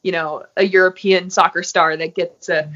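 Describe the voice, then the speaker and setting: A woman, a guest in an interview, talking casually and filling pauses with "um" and "you know.". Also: on the low side, little pitch movement, fairly bright tone. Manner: friendly, many fillers like um and you know. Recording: muffled, lo-fi audio.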